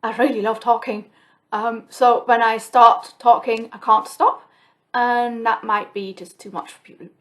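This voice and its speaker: A chatty flosstube host from Switzerland, whose first language is Swiss German, rambles casually to the camera while alone at home. Her slightly high voice is a bit bright, with little pitch movement and a slightly slow pace. She's reflective, with plenty of ums and restarts.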